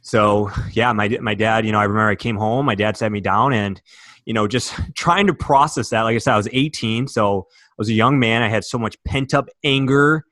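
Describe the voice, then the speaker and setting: A man's voice: lowish voice, brisk, a bit bright, no room sound, clean studio sound. A young man from Michigan, a podcast guest, telling his personal story earnestly and emotionally, with many fillers and restarts. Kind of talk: candid interview storytelling.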